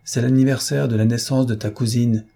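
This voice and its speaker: A man's voice: mid-range voice, steady tone, brisk, vocal fry, warm tone. A man playing a wry, amused young man. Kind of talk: audiobook character reading.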